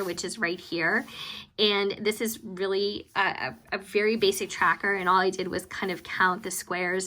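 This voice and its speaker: A woman vlogger giving casual, rambling, self-deprecating commentary as she works, with vocal fry at the ends of her phrases. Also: mid-range voice, bright, forceful tone. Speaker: planner vlogger hosting budget updates. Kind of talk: casual chatty voice-over commentary while working.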